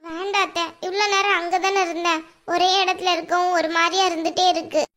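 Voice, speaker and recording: A weary young daughter-in-law in a cartoon, voiced by a woman, meek and soft-spoken. The voice is very high and bright. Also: flat delivery, brisk. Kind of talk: cartoon voice acting.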